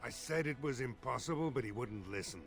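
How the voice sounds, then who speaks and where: A man's voice: medium pitch, brisk, soft background music, close to an everyday voice. An actor playing a worried, blunt middle-aged male village mayor in a fantasy game, talking in a weary, pleading way. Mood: weary urgent.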